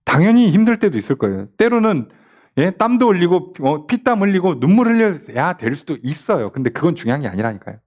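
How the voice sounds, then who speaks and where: A man's voice: on the high side, very animated, brisk, a little mellow. A man, a pastor, leading a casual Bible study and often asking his listeners rhetorical questions. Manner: casual, talkative, plays out quoted lines.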